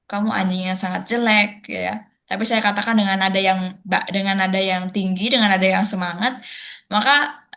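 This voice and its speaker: A woman interpreting in a webinar, careful and pausing often with hesitation sounds, on a video call. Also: mid-range voice, fairly bright tone.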